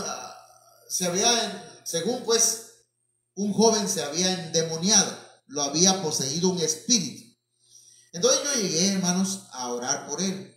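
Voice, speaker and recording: A man, preaching a storytelling sermon as pastor and calling his listeners brothers, with many fillers. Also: fairly high pitch. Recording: echoey church from far off.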